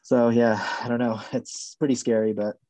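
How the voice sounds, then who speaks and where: A man speaking as a podcast guest, talking in a soft-spoken, measured and hedging way. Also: mid-range voice, little pitch movement, dry recording. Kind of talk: casual conversational interview.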